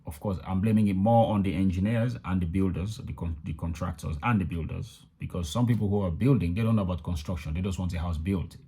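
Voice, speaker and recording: A low-voiced man talks to viewers as a channel host. His voice is rough and husky. He delivers his update casually, stressing points by repeating words. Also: fast, few pauses, mellow. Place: indoors in a room in London.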